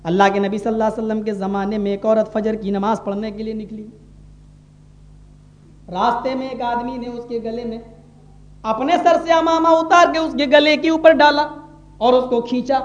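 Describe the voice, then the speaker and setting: A male preacher delivering an impassioned sermon, switching between quiet asides and loud, drawn-out recitations. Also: extremely high pitch, flat delivery, lo-fi sound. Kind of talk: Urdu sermon. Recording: echoey room.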